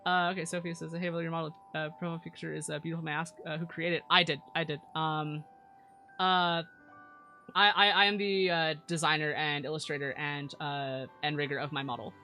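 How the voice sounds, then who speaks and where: Female VTuber, cute anime-streamer delivery, bright tone, slangy stop-start rambling with repeated words, game music behind. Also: sits low, level tone, a little fast. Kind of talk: casual livestream chat over a game, reading viewer comments.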